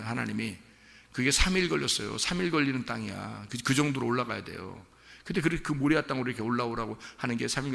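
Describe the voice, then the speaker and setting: Pastor guy preaching, gravelly and bright, acts out the voices, big echoey church hall. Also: mid-range voice. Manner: animated storytelling, acts out quoted voices, mixes casual and formal speech. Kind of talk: sermon. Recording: long hall reverb.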